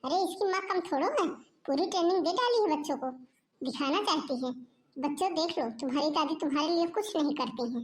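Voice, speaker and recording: A scolding, sarcastic old grandmother from a cartoon moral story, voiced by a woman. She taunts and complains in a high, gravelly voice. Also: fairly even intonation, moderate pace. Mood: muttering. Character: nagging sarcastic old grandmother, mother-in-law.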